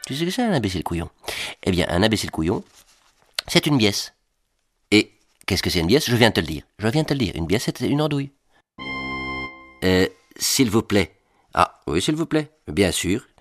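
Playful deep-voiced man. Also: a little fast, long pauses, no room sound, faint music behind. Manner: playful, mock-serious, deadpan asides. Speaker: comic presenter. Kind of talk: comic explainer to children.

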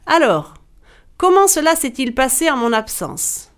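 A woman's voice: sits high, big pitch swings, unhurried, voice pushed up. A woman voicing Bluebeard, a cruel, menacing nobleman who demands answers from his wife. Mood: probing. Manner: threatening, demanding.

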